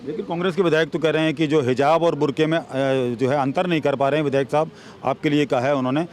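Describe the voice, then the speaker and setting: A man reporting and questioning a legislator, pressing with brisk questions. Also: a little high, fairly even intonation, a little mellow. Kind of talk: news interview questioning.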